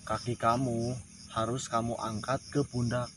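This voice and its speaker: A man voicing a calm, commanding old village man who gives brief, matter-of-fact instructions. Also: medium pitch, unhurried, far from the mic, a little hiss or hum, natural voice.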